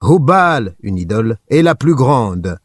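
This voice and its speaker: A man's voice: lowish voice, very animated, moderate pace, slightly rough, no room sound. A man voicing a defiant enemy chief who calls out taunts from a mountaintop, his voice raised. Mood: boastful. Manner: calling out loudly, taunting.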